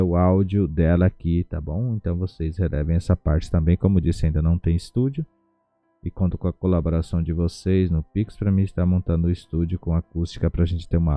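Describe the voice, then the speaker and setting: A man teaching a language lesson from home, breaking words into syllables and repeating them slowly. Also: deep voice, warm tone, no room sound, lo-fi sound. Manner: slow, syllable-by-syllable pronunciation drills. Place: home without a studio.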